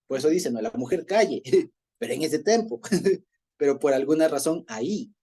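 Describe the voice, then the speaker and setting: A man's voice: fairly high pitch, lively intonation, normal speed, warm tone, breathy edge. A man with an Ecuadorian accent teaching an informal Bible study, talking conversationally, chuckling often and checking in with his listeners. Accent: Ecuadorian Spanish.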